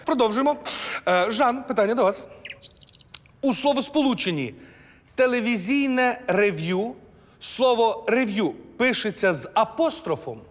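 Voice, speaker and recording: A man's voice: very high voice, lively intonation, measured pace, long reverb tail. A man hosting a language quiz show in a playful, teasing way. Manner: teasing, jokey.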